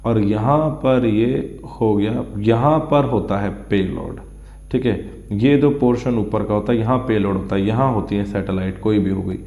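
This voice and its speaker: A male English teacher with a lowish, warm voice and a slightly slow delivery explains an English news text in Hindi to exam students. He mixes Hindi and English, repeats words to drill pronunciation, and draws as he talks. The room echoes and the lo-fi recording sounds dull.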